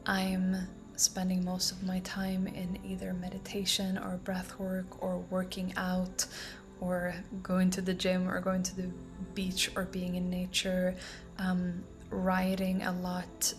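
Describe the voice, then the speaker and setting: Speaking slowly and meanderingly, a woman promotes her breathwork guidance in a casual vlog. Her pitch leans low, she stops to think between ideas, and her endings turn airy and breathy.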